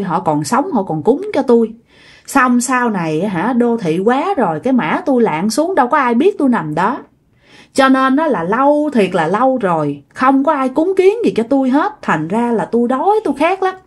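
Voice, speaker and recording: A woman voicing a miserable, starving old woman ghost who pleads and whines in a thick, husky voice. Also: fairly high pitch, big pitch swings, moderate pace. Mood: mournful. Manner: whiny, pleading, repeats herself.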